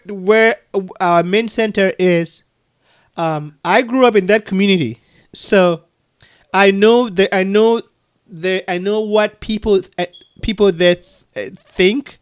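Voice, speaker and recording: Man from Cameroon, Cameroonian accent, high voice, earnest and halting over a video call. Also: smooth. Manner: earnest, many restarts and soft laughs. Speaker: adoption agency leader. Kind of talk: casual video call conversation.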